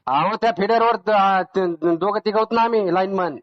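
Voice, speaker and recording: A man's voice: high voice, moderate pace, dry recording. Lineman, man, on the phone, defensive and repetitive, dry dull line sound. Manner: defensive, insistently repeating himself. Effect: over a phone line. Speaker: electricity lineman. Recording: muffled, dry phone call recording.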